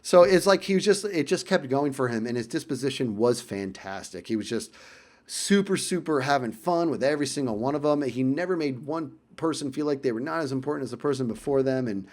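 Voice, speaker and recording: A man recounts something from his own life in a relaxed vlog manner, talking fairly quickly at a medium pitch. He stays animated and emphatic, frequently echoing phrases for effect.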